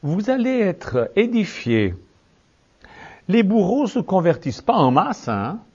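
A male preacher giving a fervent, rhetorical sermon that swings between low tones and shouted peaks. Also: sing-song, takes it slowly, slightly rough, highs cut off.

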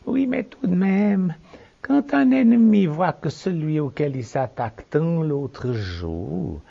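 A preacher mimicking a naive Swiss churchgoer with a put-on Swiss French accent, soft and sing-song. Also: male voice, a little high, expressive, slow, creaky, slightly rough, dull audio, full character voice. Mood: mocking.

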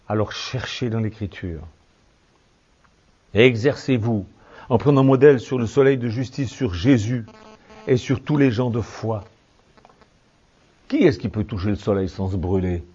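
A male preacher giving a fervent, rhetorical sermon that swings between low tones and shouted peaks. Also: measured pace, pauses often, husky, highs cut off.

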